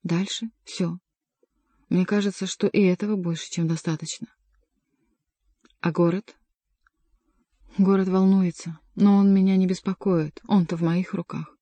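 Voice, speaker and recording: Woman voicing a weary male king, brooding, hushed, mellow tone. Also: lowish voice, fairly even intonation, a little slow, pauses often, no echo.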